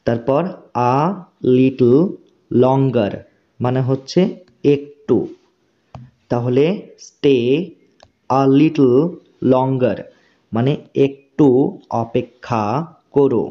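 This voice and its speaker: In a medium-pitched voice heard through lo-fi sound, a man patiently and slowly teaches spoken English. He says each word again and keeps confirming the learner has understood.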